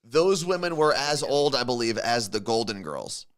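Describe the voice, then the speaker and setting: A man's voice: medium pitch, big pitch swings, moderate pace. A man in his forties co-hosting a morning radio show, chatting casually and laughing often. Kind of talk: casual chat.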